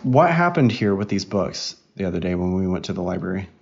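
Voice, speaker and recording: A man's voice: low-pitched, big pitch swings, a little fast, background noise. A man co-hosting a casual family podcast with his child, teasing and patiently explaining words. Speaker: podcast co-host and father. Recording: dull lo-fi audio.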